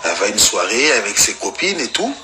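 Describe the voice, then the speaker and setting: Brief: young male storyteller, slangy and animated, with a bright, cutting voice. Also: on the low side, fast. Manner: slangy, animated street talk. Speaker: storyteller guest. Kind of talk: casual anecdote telling.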